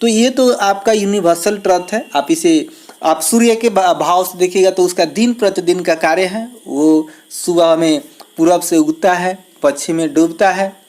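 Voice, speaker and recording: A man teaching English grammar for exam preparation, explaining step by step and addressing his viewers as friends, reading English sentences slowly before explaining them. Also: high voice, darkish tone. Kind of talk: exam-prep grammar lesson.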